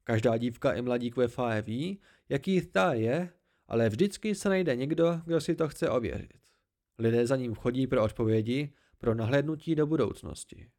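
A man voicing Bast, a volatile young fae man who pleads and shouts in high, excitable outbursts, in an amateur audiobook. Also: lightly acted. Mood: agitated.

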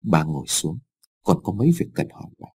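A man voicing a weary, stern grown son who speaks quietly and firmly in an audiobook story. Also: on the low side, sing-song, fairly quick, breathy edge, exaggerated voice. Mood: weary firmness.

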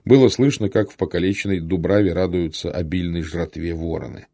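Man, audiobook narration, gravelly, dark husky voice, dry close sound. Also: low voice. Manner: steady measured storytelling. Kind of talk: scripted narration.

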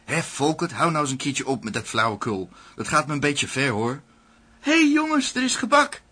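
A man voicing a short, chubby, jovial male tax inspector who exclaims loudly. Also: mid-range voice, brisk, slightly rough. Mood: jolly.

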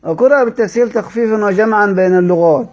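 A man with an Egyptian Arabic accent, teaching a lesson on Quran recitation. He asks the class questions and slowly chants example words to show each rule. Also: sits high, lo-fi sound. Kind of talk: lesson explaining a text.

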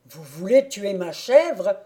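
A woman voicing an anxious, stubborn peasant clog-maker man in an audiobook, with loud, protesting outbursts. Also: mid-range voice, animated, takes it slowly.

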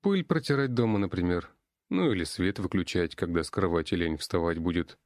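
A man's voice: deep voice, expressive, brisk, darkish tone, dry recording, clean studio sound. A man reading an audiobook voices a young male friend who talks in a casual, smirking way. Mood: wry.

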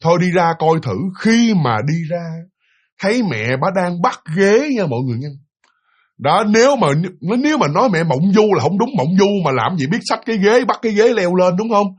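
A man telling a ghost story in an animated, chatty way, addressing his listeners directly. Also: sits high, a little fast. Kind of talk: spoken ghost story narration.

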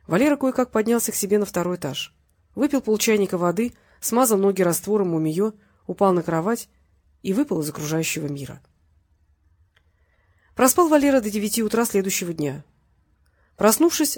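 A woman reading a novel aloud as an audiobook narrator, telling the story in a steady, wry manner. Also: mid-range voice, fairly quick. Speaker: audiobook reader.

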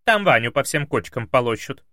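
A man reading aloud as a loud, bossy older woman who is a grandmother and housekeeper. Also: lowish voice, very animated, moderate pace, dry recording, clean studio sound, pitched above the performer's own voice. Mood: loud, excited.

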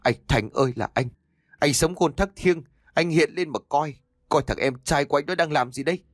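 A man voicing a terrified middle-aged woman in a storybook, pleading and wailing in a raised, shrill voice. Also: fast talker, no echo, clean studio sound, lightly acted.

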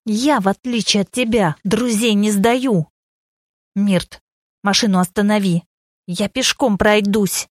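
A woman's voice: mid-range voice, unhurried, a little mellow, dry recording, clean studio sound, lightly acted. A woman voicing a playful young woman who teases her friends and flares up when pushed. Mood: angry. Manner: teasing and wheedling, flaring into anger. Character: sleepy playful young woman with a fiery temper.

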